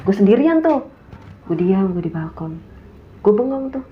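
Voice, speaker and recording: A woman's voice: medium pitch, normal speed. A young woman with a Jakarta slang accent, telling a story as a guest in casual talk and acting out quotes. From Indonesia. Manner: animated, acts out quotes in a raised voice. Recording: echoey room, dull sound, faint hum.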